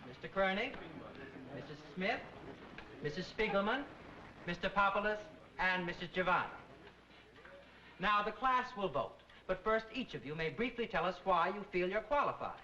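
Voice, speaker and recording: A man's voice: high voice, expressive, normal speed, pauses often, pushed and bright, dull audio. An actor playing a patient teacher who corrects his students' pronunciation. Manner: patient, precise about pronunciation. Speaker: teacher of an adult night class. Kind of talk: 1960s sitcom acting. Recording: hissy, roomy old TV soundtrack.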